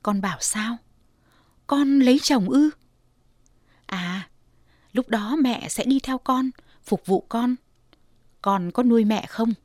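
Worn out gentle mum in her 40s, low tired voice, woman reader doing her, dry sound. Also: takes it slowly, pauses often, no echo. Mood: surprised. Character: weary hardworking mother in her forties, tender.

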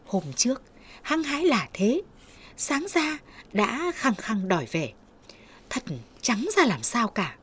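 A woman's voice: fairly high pitch, big pitch swings, slow, fairly bright tone, husky, exaggerated voice. A woman voicing a worried, exasperated middle-aged son in a storybook reading.

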